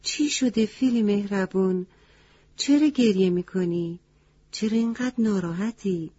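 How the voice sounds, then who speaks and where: Woman doing a quick, high-pitched helpful crow. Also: dark tone, breathy edge, muffled recording, natural voice. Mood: worried. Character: eager helpful male crow.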